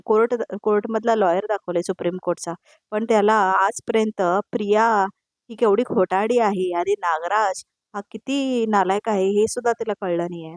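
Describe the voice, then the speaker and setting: A woman's voice: medium pitch, a little mellow, no room sound, studio quality. Chatty woman recapping a serial. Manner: conversational, opinionated, repetitive connectives. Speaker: serial review narrator. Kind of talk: voice-over episode recap.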